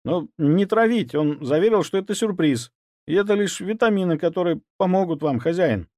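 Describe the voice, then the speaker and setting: A man's voice: high voice, lively intonation, moderate pace, a little mellow, no room sound, studio quality, pitched above the performer's own voice. A man voicing a frightened young male servant who stammers and pleads. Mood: frightened pleading. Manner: stammering, whimpering.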